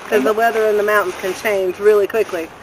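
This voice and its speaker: A woman's voice: medium pitch, fairly even intonation, quick pace, slight background noise, poor audio. A woman in her thirties, a mother, chatting casually and chiming in about hiking outdoors by a river, recorded on a camera a few steps away. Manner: chatty, agreeable, chimes in. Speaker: vlogger, mother. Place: outdoors by a river in a mountain valley.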